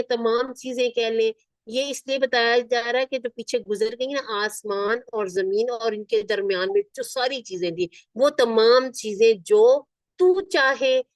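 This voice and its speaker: A woman teaching Quranic vocabulary word by word. She is patient, repeats each term slowly and keeps checking that her students follow. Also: on the high side, dry recording. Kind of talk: word-by-word Arabic vocabulary lesson.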